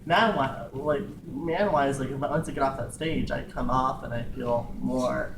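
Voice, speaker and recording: A man's voice: medium pitch, steady tone, normal speed, vocal fry, noisy background. Man, club member, rambling and self-interrupting; distant mic, echoey room. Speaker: club member, drag performer. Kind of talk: casual group discussion. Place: meeting room.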